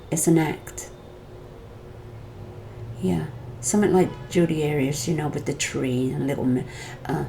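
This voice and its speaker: Her deep voice is gravelly and mellow as this Wisconsin-accented vlogger walks viewers through a court trial day. The commentary is rambling and casual, drifting away from the subject and returning. There's slight background noise.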